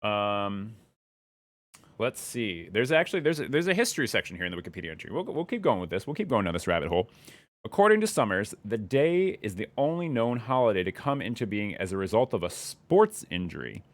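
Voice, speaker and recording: Low-voiced rambling young male streamer. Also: sing-song, brisk, no echo. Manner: rambling, curious, thinks aloud. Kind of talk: casual live-stream chat.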